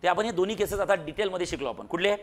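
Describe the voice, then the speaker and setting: High-voiced joking teacher. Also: male voice, lively intonation, racing. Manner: joking, teasing students, quizzing the class. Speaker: physics teacher. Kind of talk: classroom lecture. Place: classroom.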